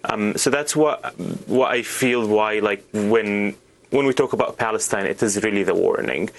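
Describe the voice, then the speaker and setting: Earnest low-voiced young man, halting. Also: creaky. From Syria. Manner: earnest, halting with many restarts and fillers. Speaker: guest. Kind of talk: interview answers.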